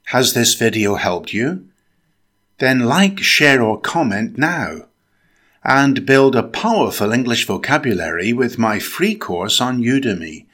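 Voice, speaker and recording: Slow, crisp-toned male pronunciation teacher. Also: mid-range voice, expressive, fairly bright tone. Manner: slow, deliberate, clearly enunciated. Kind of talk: scripted instructional narration.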